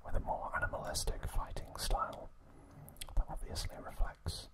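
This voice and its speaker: Recapping an anime series, this ASMR host speaks in an unvoiced, breathy hush, taking things slow and unhurried.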